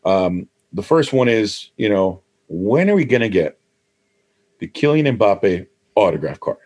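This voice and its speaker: A man's voice: on the low side, very animated, unhurried, darkish tone. A man hosting a casual podcast interview, talking in a breezy, slangy way and calling people "bro" and "man". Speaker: podcast host.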